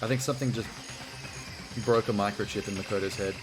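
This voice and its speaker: A man's voice: on the low side, fairly even intonation, fast talker. Man doing blunt game commentary over music. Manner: reacts exasperatedly, blunt asides. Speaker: host of a video game playthrough. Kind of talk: casual game commentary with read-aloud text. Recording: music behind the voice.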